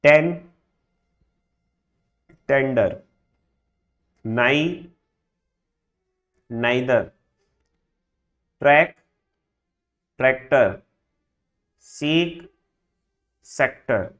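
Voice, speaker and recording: A man's voice: medium pitch, a bit bright. Man teaching shorthand, drilling words aloud. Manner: drills words by repeating them slowly, checks understanding with frequent tag questions. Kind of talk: classroom lesson.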